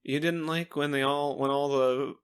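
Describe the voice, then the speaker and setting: A man's voice: on the high side, moderate pace, clear, resonant tone. A man co-hosting a podcast, casually chatting about a film, sharing trivia and laughing often. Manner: animated, giggly, shares trivia. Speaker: podcast co-host. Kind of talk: casual movie-review chat.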